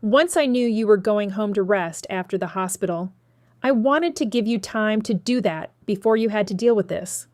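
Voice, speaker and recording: Give me a calm, measured small-town sheriff, read by a woman narrator, recorded close and dry. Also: medium pitch, no echo, lightly acted.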